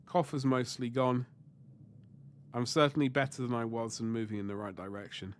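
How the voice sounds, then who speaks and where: Sick with the flu, his nose stuffed and throat sore, a man chats with viewers on a livestream as he paints miniatures, answering their comments. His talk wanders, with self-corrections and mild swearing, delivered in a level, mid-range voice at a moderate pace over a slight hiss or hum.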